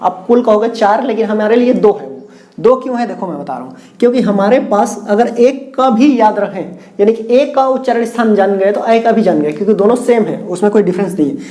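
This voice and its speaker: A man's voice: high voice, a little fast, dark tone. A man teaching grammar at a board, repeating points and asking and answering his own questions. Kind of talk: whiteboard lecture with mnemonics.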